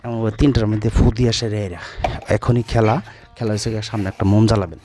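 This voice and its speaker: A man's voice: lowish voice, fairly even intonation, racing, over music. A man, a folk healer giving brusque, repetitive spoken instructions to the camera. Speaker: folk healer demonstrating a ritual.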